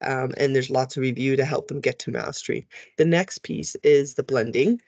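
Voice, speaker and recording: A teacher trainer talks teachers through each section of phonics lesson slides in a recorded tutorial, modeling how to sound out letters for kids. His voice is medium-pitched and darkish with some vocal fry, and he speaks at a moderate pace. There's no echo.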